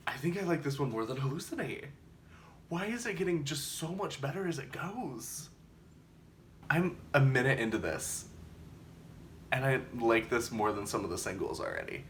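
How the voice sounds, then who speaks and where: Male drag queen reaction host: campy, gushing, bright and animated, conversational. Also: mid-range voice, normal speed, pauses often, slight background noise. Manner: effusive, gushing. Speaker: music reaction video host. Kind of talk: casual excited album reaction chat.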